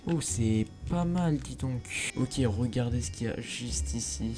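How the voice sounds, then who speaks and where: A man's voice: mid-range voice, a little slow, over music. A young man, chatting casually to viewers while playing a survival game, self-mocking and talkative. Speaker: gaming youtuber. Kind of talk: casual let's play commentary.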